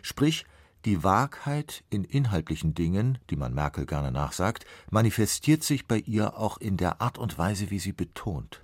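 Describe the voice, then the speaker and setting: A man's voice: low-pitched, sing-song, unhurried, no echo, studio quality. A man narrating a radio or TV feature in a scripted voice-over. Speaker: documentary narrator.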